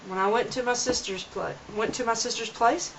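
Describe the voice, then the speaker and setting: Brisk and a little high, a young woman's voice carries an earnest, rambling vlog recorded at home, full of restarted sentences. The camera mic produces a dull lo-fi home-video sound with slight background noise.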